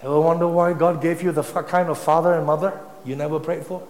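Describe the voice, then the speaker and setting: A man preaching a sermon, emphatic, swinging between loud and soft phrases. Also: on the high side, level tone, quick pace. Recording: echoey hall, faint ambience.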